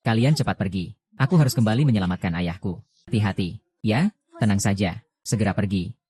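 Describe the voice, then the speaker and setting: Male dubber, low voice, flat even read for all roles. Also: a little fast, husky, dry recording. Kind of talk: dubbed drama dialogue.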